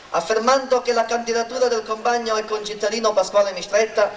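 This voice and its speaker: A man giving a formal, oratorical political speech at a rally, declaiming to a public square. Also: sits high. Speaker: local party politician introducing a candidate. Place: outdoor town square rally. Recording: roomy, distant mic, faint noise.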